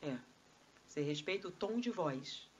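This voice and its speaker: A Brazilian woman gives a live lecture in a meeting hall, her lowish voice lively and swooping as she fires rhetorical questions at the audience. The recording is a little dull, with a faint hiss underneath. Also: measured pace. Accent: Brazilian Portuguese. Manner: animated, rhetorical questions, conversational asides. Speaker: spiritist lecturer. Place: spiritist society meeting hall.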